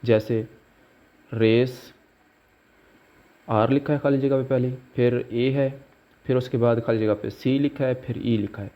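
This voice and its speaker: Pronunciation teacher, male, very slow and deliberate, muffled lo-fi sound. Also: medium pitch, fairly even intonation. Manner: slow, deliberate, spells out letters and example words. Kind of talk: slow explanatory lesson. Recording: dull lo-fi recording.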